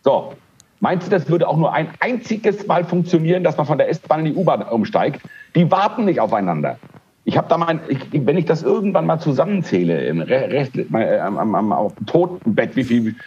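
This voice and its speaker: A man's voice: fairly high pitch, brisk, slightly rough, dull audio. A man co-hosting a podcast, ranting animatedly in casual chat and often stumbling over his words. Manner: animated ranting, frequent hesitations. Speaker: podcast co-host.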